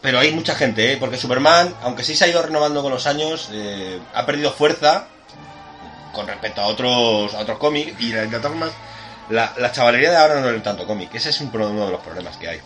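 A man's voice: mid-range voice, fast, fairly bright tone, soft background music. A man, chatting casually about a film, sarcastic and laughing often. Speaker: podcast co-host. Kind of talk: casual film review chat.

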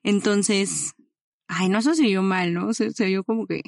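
A woman's voice: medium pitch, a little slow, gravelly, no room sound, clean studio sound. A young woman, co-hosting a podcast and telling a rambling, giggly story in casual chat. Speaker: podcast co-host.

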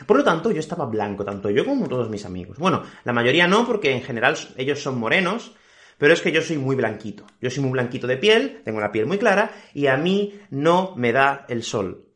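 A young man from Spain with a Spanish accent, hosting a Spanish lesson podcast, repeating key words slowly and checking in with learners. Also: medium pitch, sing-song, a bit bright. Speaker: Spanish teacher, podcast host. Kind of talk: slow, clear teaching podcast for learners.

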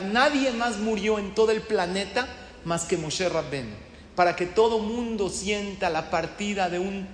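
A man's voice: high-pitched, a little hiss or hum. A man giving a sermon to a live audience as a rabbi, telling stories and asking his listeners questions. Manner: storytelling, asks the audience questions. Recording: echoey hall with faint ambience.

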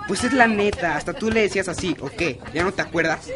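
Man playing a mocking teenage bully, high voice. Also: fast, close to an everyday voice. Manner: mocking, taunting. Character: teenage schoolboy bully Lorenzo. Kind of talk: educational radio drama.

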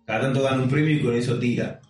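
A man's voice: mid-range voice, steady tone, very fast, darkish tone. Rioplatense man, far off-mic, very echoey. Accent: Rioplatense Spanish. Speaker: podcast co-host. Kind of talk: casual film discussion. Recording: very echoey, off-mic, faint music.

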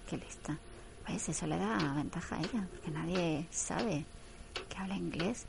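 A woman's voice: on the low side, normal speed, vocal fry, noisy background. A woman giving casual, teasing running commentary on a TV episode. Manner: chatty, teasing, laughs often.

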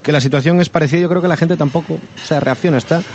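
A man's voice: fairly high pitch, rapid-fire. A man giving a spontaneous opinion, emphatic and restarting his phrases. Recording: dull lo-fi sound, faint noise.

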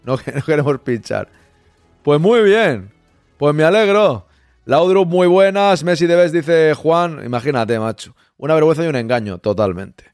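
A chatty man hosting a live podcast show, joking with viewers as he greets them. His voice sits fairly high, recorded dry and close with faint background music. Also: lively intonation, normal speed, darkish tone, no room sound. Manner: jokey, chatty, reads chat messages aloud. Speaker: podcast host.

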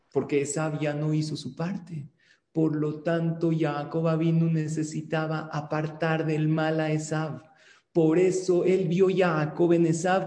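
A man, a rabbi, giving a religious class over a video call in an animated teaching manner, often asking his listeners questions. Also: a little high. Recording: echoey room with long reverb.

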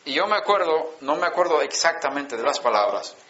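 A man, telling his testimony from the pulpit in a bright, fairly high voice. He paces the story slowly, with emphatic pauses. The sound is dull and lo-fi, like an old conference recording. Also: sing-song. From Sweden. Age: 60s. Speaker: preacher. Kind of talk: sermon testimony.

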